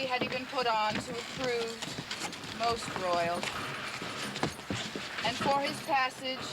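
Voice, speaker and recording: A woman's voice: fairly high pitch, very noisy, lightly acted. A woman playing a solemn, victorious soldier prince in formal, declamatory Shakespearean stage style.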